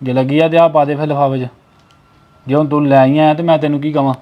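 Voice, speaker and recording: A man's voice: fairly high pitch, little pitch movement, fast, lo-fi sound. A man acting as a sulking, demanding brother-in-law in a family short film. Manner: sulky, sharp and demanding.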